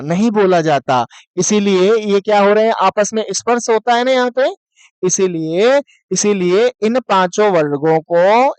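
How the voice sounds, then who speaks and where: A man's voice: sits high, clear, resonant tone, no room sound. A man teaching a Sanskrit class, asking his students questions and answering them himself, and drilling sounds one syllable at a time. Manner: mixes Hindi explanation with read-aloud Sanskrit. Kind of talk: online class lesson explaining to students.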